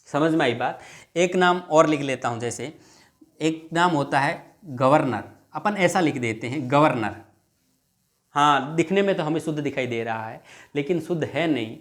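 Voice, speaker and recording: A man teaching a Hindi grammar lesson for exam prep, explaining patiently, repeating words slowly and asking his students questions. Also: on the high side, lively intonation, fairly bright tone. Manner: dictates rules word by word.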